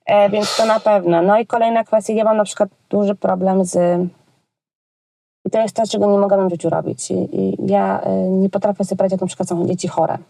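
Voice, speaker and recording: Woman from Poland, children's entertainer, chatty and informal, warm mellow tone, dry close sound. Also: mid-range voice, fairly even intonation, fairly quick, vocal fry, no echo. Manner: chatty and colloquial, frequent hesitations. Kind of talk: casual interview chat.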